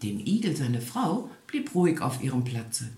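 A woman reading a fairy tale aloud as storyteller, in an expressive, animated way. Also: extremely low pitch, moderate pace. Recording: echoey room.

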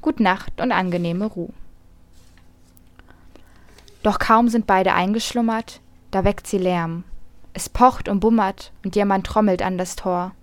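A woman's voice: mid-range voice, normal speed, no echo. Woman reading a rhyming children's story. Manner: lively rhymed reading, raising her voice for the animals' lines.

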